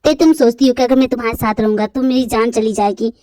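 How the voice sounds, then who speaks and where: A woman lowering her voice to play a lovesick young man in a home-made fan audio drama. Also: fairly even intonation, quick pace, mellow, dry recording, studio quality, natural voice. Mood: earnest. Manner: pleading, earnest.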